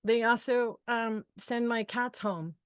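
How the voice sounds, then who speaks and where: Middle aged lady, kinda high voice, dry sound, excited chatty spiritual storytelling, laughs a lot. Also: slow, clean tone, no room sound. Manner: expressive, upbeat, laughs often, voices quoted exchanges. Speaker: spiritual speaker. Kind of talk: animated personal storytelling talk.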